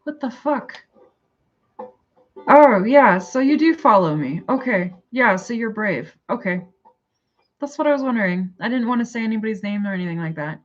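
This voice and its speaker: On a casual livestream, a Canadian-accented woman talks in a fairly high, animated voice at a moderate pace. She rambles chattily, thinks out loud and responds to her viewers' chat, while the dull-sounding audio carries faint music in the background.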